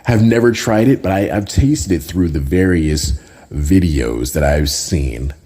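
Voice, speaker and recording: A man born in Jamaica, hosting a podcast in a casual, conversational way and often tagging his points with a quick question. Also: low voice, lively intonation, warm tone, husky. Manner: conversational, often tags lines with "right?". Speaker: podcast host. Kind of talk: casual solo podcast talk.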